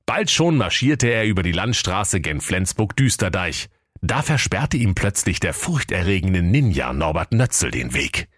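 Deep-voiced man narrating a comic fairy tale. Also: sing-song, moderate pace, fairly bright tone, no echo, clean studio sound. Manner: mock-solemn storytelling.

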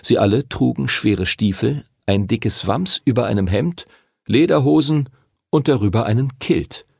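A man narrating a children's audiobook in a lively storytelling manner. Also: medium pitch, a little slow, vocal fry, husky, dry recording, studio quality.

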